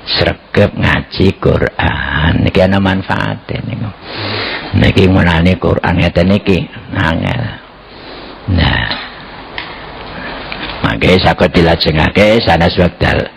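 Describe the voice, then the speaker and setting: A man's voice: low voice, vocal fry, slight background noise. A man with a Javanese accent, an older Islamic cleric, giving a folksy sermon that moves between Javanese and Indonesian. He breaks into chanted Arabic phrases. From Central Java, Indonesia.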